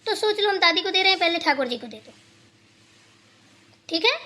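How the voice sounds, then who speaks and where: A woman's voice: very high-pitched, lively intonation, moderate pace, pushed and bright, full character voice. A woman voicing a stern, bossy older mother-in-law in a cartoon, scolding and lecturing her daughter-in-law. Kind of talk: cartoon voice acting.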